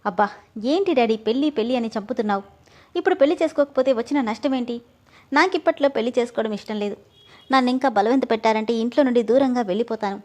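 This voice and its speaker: A woman's voice: a little high, a little fast, warm tone, lightly acted. A woman voicing a stubborn, spiteful jilted young woman in a read-aloud story. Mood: bitter.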